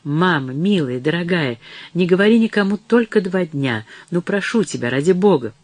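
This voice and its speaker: A man's voice: high-pitched, expressive, moderate pace, dry recording. A man reading an audiobook, voicing a frightened young daughter who sobs and begs her mother. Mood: pleading. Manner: pleading, sobbing. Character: terrified, sobbing teenage daughter pleading.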